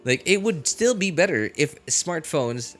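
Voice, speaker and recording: A man's slightly high, fairly bright voice comes through animated but a little slow as he chats casually on a livestream. He wanders through his reasoning, arguing points in a conversational manner with frequent short check-in questions, set against background music.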